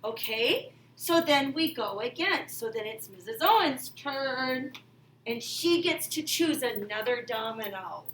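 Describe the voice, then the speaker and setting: A woman's voice: on the high side, lively intonation, measured pace. A woman teacher talking to children like a kids show host, explaining step by step with exaggerated exclamations. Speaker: elementary math teacher demonstrating a game. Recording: echoey room, distant mic, faint noise.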